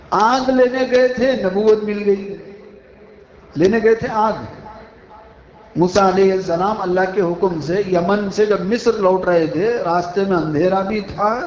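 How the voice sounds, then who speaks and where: High-voiced man preaching in an echoey hall. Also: dull audio. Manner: dramatic retelling with acted dialogue. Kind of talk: storytelling sermon.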